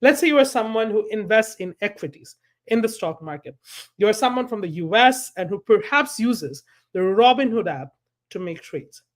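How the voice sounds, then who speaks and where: Animated man making a case. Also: high-pitched, moderate pace. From Bangladesh. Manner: persuasive, addresses listener with rhetorical questions. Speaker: panel guest. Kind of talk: prepared commentary.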